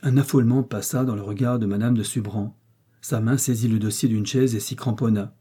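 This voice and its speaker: A man narrating a novel as an audiobook in a steady, measured way. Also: mid-range voice, slightly rough.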